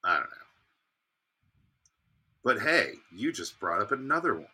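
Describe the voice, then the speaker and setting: A man's voice: fairly low pitch, sing-song, measured pace, bright, forceful tone, husky. A man co-hosting a casual beer-review podcast over a remote call. He talks in a laid-back way and swears freely, and his audio cuts in and out with uneven volume. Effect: online call audio cutting in and out, uneven volume. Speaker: podcast co-host. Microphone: remote call recording.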